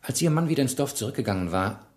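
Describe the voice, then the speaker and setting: Pitched in the mid-range and close to an ordinary speaking voice, this actor talks fast with lively intonation. His role is a French police inspector in a German radio crime drama: shrewd and relentless, he questions people ironically, insistently and methodically.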